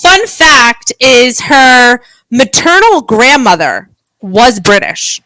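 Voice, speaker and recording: Brief: woman podcast co-host, gossipy, bright clear voice, dry close sound. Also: a little high, sing-song, slow pace, dry recording, rough recording. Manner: chatty, gossipy explaining. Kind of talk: casual chat.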